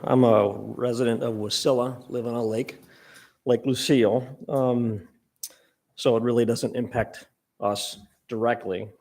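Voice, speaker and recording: A man's voice: mid-range voice, gravelly, darkish tone. A local resident man giving plainspoken public testimony at a planning meeting.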